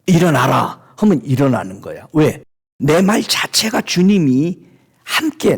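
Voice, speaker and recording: A man of middle age preaching a sermon in a high, lively voice. He keeps asking his listeners questions and talks in an easy, spoken manner. His pitch climbs and falls a great deal as he goes. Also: slightly rough. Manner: preaches with rhetorical questions and a colloquial tone. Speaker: pastor.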